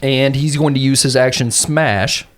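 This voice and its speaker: A man's voice: medium pitch, measured pace. A man playing a tabletop game who describes his character's moves with lots of laughter. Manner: laughing, animated storytelling. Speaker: player.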